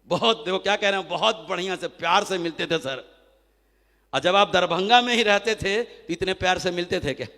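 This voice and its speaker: A man's voice: high-pitched, normal speed, creaky. A man giving a motivational seminar talk as a trainer, firing off rhetorical questions and answering them himself. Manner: animated, acts out quoted people. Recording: long hall reverb.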